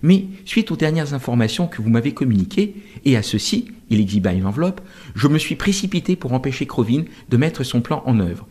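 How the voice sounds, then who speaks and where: A man voicing a shrewd army general who talks in a measured, conciliatory way. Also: medium pitch, very animated, darkish tone, lightly acted.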